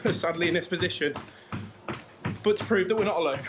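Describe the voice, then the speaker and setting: A man with a high voice chats quickly to his vlog audience as he runs on a treadmill at home. You can clearly hear the treadmill and some clicks behind him.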